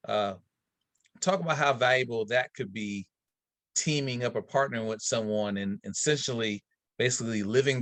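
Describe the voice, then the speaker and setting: Low-voiced man asking a rambling question. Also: fairly bright tone, no room sound.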